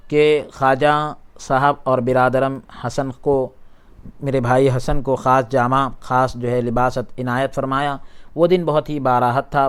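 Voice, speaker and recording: A man with a smooth, resonant voice gives a religious lesson. He reads a passage aloud and then restates each phrase in plainer words. His pitch sits in an ordinary middle range, and he gets louder when he stresses a point. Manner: rises in loudness at emphatic points. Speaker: Islamic scholar teaching a class. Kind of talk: religious lesson, reading a text aloud and explaining it.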